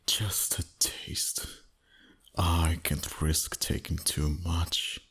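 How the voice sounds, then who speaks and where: In an intimate ASMR roleplay, a man plays a seductive, dominant vampire boss, his voice breathy, husky and often whispered. He teases slowly, sitting low in a full character voice.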